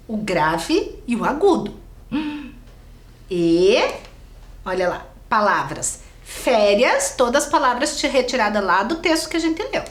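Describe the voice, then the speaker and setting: A woman with a Brazilian Portuguese accent teaches children in a recorded video lesson, talking straight to them and checking in often. Her voice sits on the high side, and the sound is reverberant.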